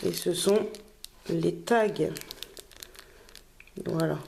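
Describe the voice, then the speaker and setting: A woman's voice: fairly low pitch, drawn-out words, creaky, noisy background. A woman crafting vlogger, talking in a casual, hesitant way with many fillers as she shows her purchases. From France. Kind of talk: casual haul video.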